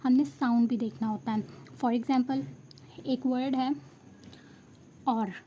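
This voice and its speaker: Female grammar teacher, fairly high, soft warm tone, patient explainer. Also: fairly even intonation, takes it slowly, slight background noise. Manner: patient, checks understanding, mixes Hindi and English. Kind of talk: explanatory lesson.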